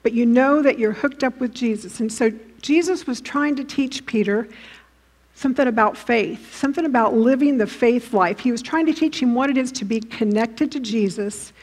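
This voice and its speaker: A woman preaching a sermon speaks at normal speed in a slightly high, darkish voice. Vivid in manner, she asks listeners to picture her scenes and often questions them directly.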